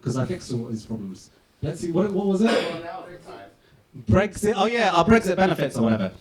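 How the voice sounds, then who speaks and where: Laughing host in a roomy live studio. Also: male voice, high-pitched, very animated, a little fast, crowd noise. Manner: rambling, laughing, stop-start delivery. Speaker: panel show host. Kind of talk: live comedy panel banter. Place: studio stage before a live audience.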